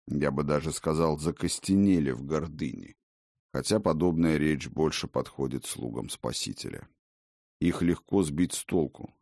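A man reading an audiobook, voicing an ancient, stern father-god who speaks with command and bursts into booming declarations. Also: gravelly, a little mellow, dry recording, studio quality, full character voice. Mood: grave.

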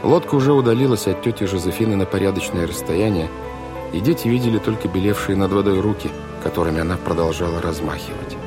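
A deep, low male voice reads a story aloud in measured, expressive scripted narration. Music plays clearly beneath him throughout. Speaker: audiobook narrator.

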